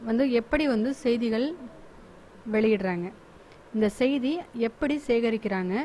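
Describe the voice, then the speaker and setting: Female teacher, fairly high voice, talkative and repetitive, faint noise under the recording. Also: darkish tone, rough recording. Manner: chatty and repetitive, restarts words often. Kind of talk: explaining a school lesson.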